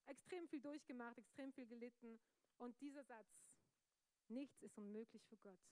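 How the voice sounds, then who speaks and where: A young woman preaching a lively youth sermon, energetic and joking with the audience, laughing often. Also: high-pitched, dry recording.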